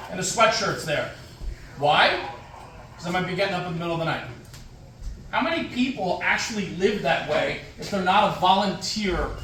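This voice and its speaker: A man with a high, sharp-toned voice gives a motivational talk as a guest speaker at a conference, speaking emphatically in short, punchy phrases full of rhetorical questions and repetition. He addresses an audience in an echoey indoor room. The recording comes from a distant mic, with room echo and faint noise.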